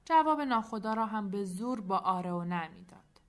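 A woman narrating a storybook, soft and at times nearly whispering. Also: mid-range voice, animated. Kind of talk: storybook reading.

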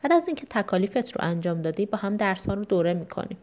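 A woman reading a gentle caring dad. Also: medium pitch, big pitch swings, close to an everyday voice. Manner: soft, caring questions. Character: kind, gentle father.

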